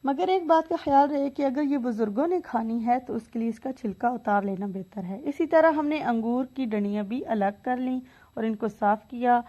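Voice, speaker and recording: A woman hosting a cooking channel, narrating a video in a steady step-by-step way with tips. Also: on the high side, moderate pace, muffled recording.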